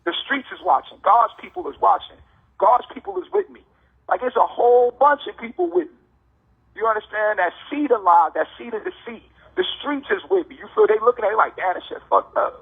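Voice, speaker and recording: Speaking very high with wide swings in pitch, a man talks a little fast, with vocal fry and a slightly rough edge. He's an American detainee on a jail phone call, pouring out a passionate, slang-heavy monologue full of emphatic repetition and rhetorical questions.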